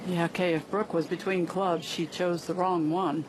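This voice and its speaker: A woman's voice: lowish voice, steady tone, normal speed. A woman giving conversational live commentary as a golf analyst. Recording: clear outdoor ambient noise.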